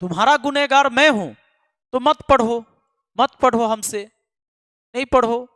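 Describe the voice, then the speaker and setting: A man's voice: extremely high pitch, a little slow, bright, forceful tone, dry recording, clean studio sound, big-room sound. A man who teaches math online, speaking to his students in an emphatic, scolding way and repeating lines for force. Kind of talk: impassioned address to students.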